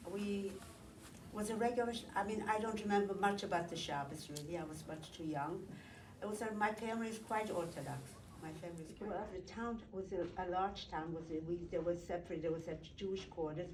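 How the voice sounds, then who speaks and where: Elderly woman, halting, distant mic. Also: fairly low pitch, a little mellow. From Poland. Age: 80s. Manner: halting, searching for words, many restarts. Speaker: interviewee. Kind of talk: recounting memories in an interview. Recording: roomy, distant mic, noisy room.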